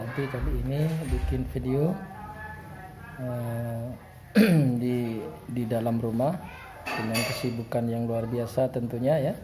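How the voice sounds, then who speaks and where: A woman's voice: a bass voice, noisy background. A woman vlogging casually at home, chatting and often calling her viewers "Bun". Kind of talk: casual home vlog chat. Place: indoors at home with family.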